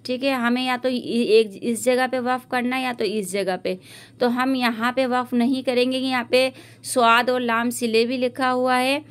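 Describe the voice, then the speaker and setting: A woman teacher giving a recitation lesson to women, patiently modeling each word slowly and repeating it. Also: a little high.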